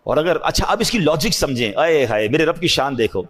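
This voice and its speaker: A man preaching a religious sermon, asking his listeners rhetorical questions and swinging between hushed low asides and high, emphatic cries. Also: expressive. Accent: Urdu speaker from South Asia.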